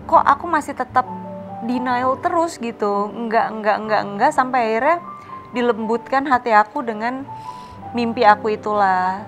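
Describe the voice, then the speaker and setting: Heartfelt woman telling a personal story. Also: on the high side. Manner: heartfelt, chatty, with fillers. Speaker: talk show guest. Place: TV studio.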